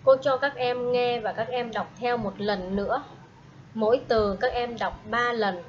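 A woman teaching a primary school English class, speaking slowly and patiently and having pupils repeat each word after her. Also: a little high, steady tone, over music. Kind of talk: slow classroom instruction with repeat-after-me drills. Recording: dull lo-fi audio with faint noise.

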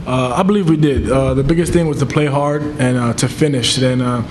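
A young man, a college football player, answering questions at a post-game press conference in a brisk, relaxed way. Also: medium pitch, slight background noise. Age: young adult. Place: press room at a table before a sponsor backdrop. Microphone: table mic on a stand.

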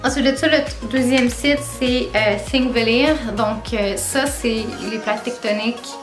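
Chatty young Québécoise vlogger. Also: female voice, fairly high pitch, fairly even intonation, a little slow. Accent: Québécois French. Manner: chatty, many filler "euh"s, laughs at herself. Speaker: travel vlogger. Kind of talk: casual travel vlog. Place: small room indoors with string lights and bookshelf. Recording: roomy echo, music behind.

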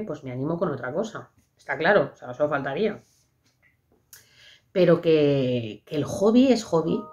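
On a podcast she hosts, a woman with a Spanish-from-Spain accent delivers a casual monologue in a low, mellow voice, talking expressively and filling it with lots of fillers. The recording is dull, lo-fi podcast audio.

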